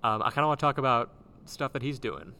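A man hosting a casual chat in a halting, circling way, recorded in a large old gym with big-hall echo. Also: medium pitch, a crowd in the background. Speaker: podcast host and theater director. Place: large old gymnasium used as a theater, indoors. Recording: roomy big-hall echo, background noise.

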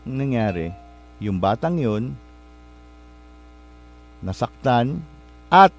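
A man hosting a show, telling a motivational story in a polite, rambling way, often pausing to search for words and correct himself. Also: on the low side, a little mellow. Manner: polite, addresses listeners with respectful particles. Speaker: host.

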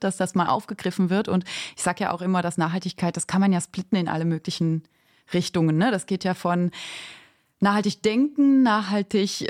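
A woman from Belgium, a guest on a podcast, talking casually in a chatty, lively way with lots of fillers and laughs. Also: medium pitch. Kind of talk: casual chat.

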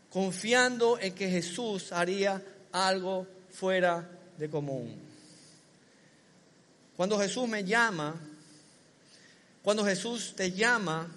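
A man preaching a sermon in a church, animated and acting out little dialogues between people and Jesus. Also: high-pitched, in a large hall.

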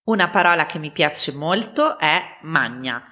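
An Italian woman co-hosting an educational podcast for language learners, speaking in scripted dialogue with clear, didactic phrasing. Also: low voice, animated, measured pace, bright, forceful tone. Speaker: podcast co-host.

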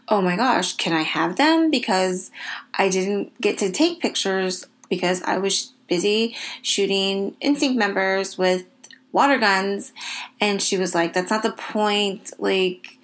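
A woman's voice: medium pitch, a bit bright. A woman telling a casual anecdote in a chatty way, with "like" fillers.

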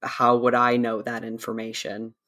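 Very low-voiced woman player, dry replies. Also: little pitch movement, moderate pace, fairly bright tone. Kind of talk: playing a tabletop game.

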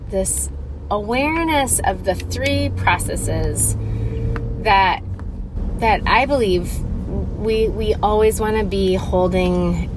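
A woman hosting a casual solo podcast, thinking aloud with frequent check-ins, speaking from a little way off a phone in a car. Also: medium pitch. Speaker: podcast host. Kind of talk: casual solo reflective talk. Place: inside a car. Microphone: phone, not held, at a distance. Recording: far from mic, noisy car phone recording. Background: vehicle noise.

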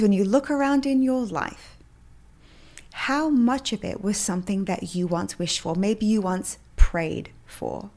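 A woman's voice: a little high, darkish tone. A woman hosting her own solo self-help podcast, upbeat in manner and laughing often as she talks. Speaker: podcast host.

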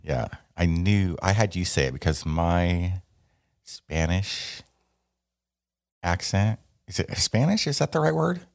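A man's voice: deep voice, lively intonation, takes it slowly, vocal fry. A man hosting a casual podcast, chatting in a joking, self-deprecating, rambling way. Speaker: podcast host. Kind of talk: casual chat.

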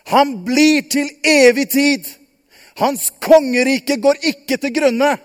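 A man playing an overjoyed ancient king who loudly proclaims a royal decree, in a children's Bible story. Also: very high-pitched, pitched above the performer's own voice. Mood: proclaiming. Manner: loud, stately proclaiming. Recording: long hall reverb.

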